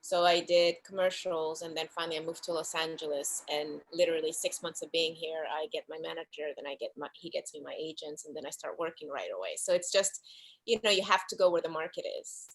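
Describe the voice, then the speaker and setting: Lively woman guest telling stories on a video call. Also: low-pitched, fairly quick, low-quality recording. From Dominican Republic. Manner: animated storyteller, laughs often, acts out voices. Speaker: guest actress. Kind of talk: casual interview chat.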